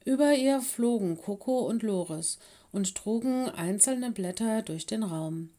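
A woman narrating a children's story in calm, clear storytelling. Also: fairly high pitch, measured pace. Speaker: audiobook reader.

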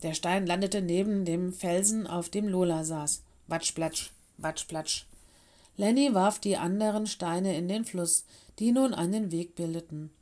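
A woman reading a children's story aloud in a calm, gentle storytelling voice. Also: lowish voice, normal speed, hardly any pauses.

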